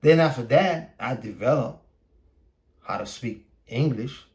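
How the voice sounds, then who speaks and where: Animated and darkish in tone, this medium-pitched voice belongs to a Puerto Rican native Spanish speaker hosting a podcast. His casual monologue is full of opinions, delivered bluntly, profanely, repetitively and haltingly.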